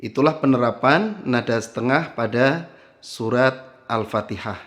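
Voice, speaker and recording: A man teaching Quran recitation melodies, chanting verses slowly and then explaining each step in a lower speaking voice.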